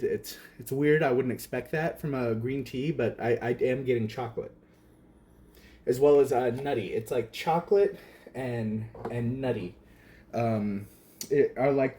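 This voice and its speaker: A man's voice: mid-range voice, mellow. A young man hosting a tea channel, chatting casually and hesitantly with many fillers while he demonstrates.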